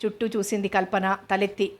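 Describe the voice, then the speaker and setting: Audiobook narrator, woman, mid-pitched voice with little melody, steady novel reading. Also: a little fast.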